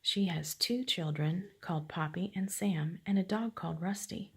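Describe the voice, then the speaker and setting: A woman's voice: fairly low pitch, moderate pace, breathy edge. Older woman half-whispering a story. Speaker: grandmother reading to a grandchild. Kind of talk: hushed storybook reading. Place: home.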